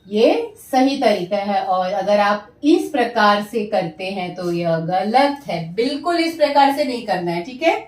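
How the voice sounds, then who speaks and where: Slow, clear woman teacher in an echoey room. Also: medium pitch, expressive, distant mic. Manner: slow, clear, sounds out each syllable loudly for pupils to repeat. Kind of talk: Hindi vowel-sign lesson for children. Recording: echoey room, voice set back from the mic.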